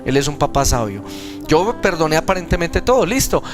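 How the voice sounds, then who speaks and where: A man's voice: on the high side, sing-song, fairly quick, over music. A young man with a Colombian Spanish accent preaching at a seminar, telling a personal testimony and acting out the voices in it. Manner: earnest storytelling, acts out dialogue in other voices. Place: seminar hall.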